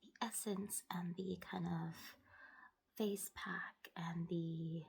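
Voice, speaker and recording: A woman whispers quickly and softly in a casual, rambling ASMR chat, close to the microphone, trailing off and picking thoughts back up. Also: fairly low pitch, steady tone. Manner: fast whispering, breathy and soft-spoken. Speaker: ASMR video host.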